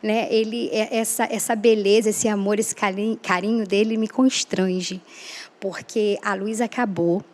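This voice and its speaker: A woman's voice: medium pitch, fairly even intonation, measured pace, a little mellow. Earnest woman telling a testimony. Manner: earnest, re-enacts dialogue, frequent "né?". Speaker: guest giving a testimony. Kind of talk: emotional personal storytelling.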